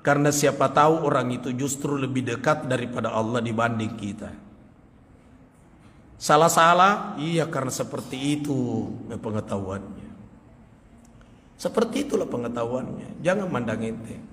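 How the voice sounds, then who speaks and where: A man's voice: medium pitch, normal speed, pauses often, a little hiss or hum. A male preacher telling a story in a sermon, acting out the quoted dialogue. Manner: animated, acts out quoted dialogue with laughter. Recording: reverberant hall, faint ambience.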